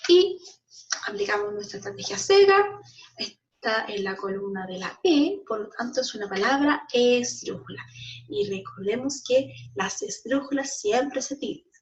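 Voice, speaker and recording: Chilean lady teacher walking kids through a lesson, highish voice, sounds muffled and a bit far from the mic. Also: animated. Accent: Chilean Spanish. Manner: patient, stresses syllables slowly and keeps checking with "¿cierto?". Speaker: primary school language teacher. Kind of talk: classroom lesson explaining rules to children.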